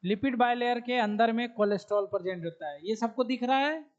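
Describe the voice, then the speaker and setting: A man's voice: very high-pitched, moderate pace. A man with a Bihari Hindi accent teaching a biology class. He asks the students questions, answers them himself and repeats key terms as he writes them on the board. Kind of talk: classroom lecture. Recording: dull lo-fi classroom recording.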